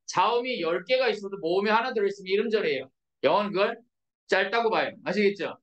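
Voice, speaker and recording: A woman teaches grammar to a room of students, peppering every point with quick questions to check they follow. Her voice sits at an ordinary pitch. It reaches the mic from a distance, with the hollow echo of a bare classroom around it. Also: expressive, muffled recording. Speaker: English teacher. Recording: echoey classroom from far off.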